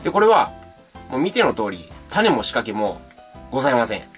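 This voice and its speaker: A man's voice: mid-range voice, big pitch swings, a little fast, soft background music. A man giving a casual, playful beatbox tutorial and demonstrating sounds as he explains. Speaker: beatbox teacher.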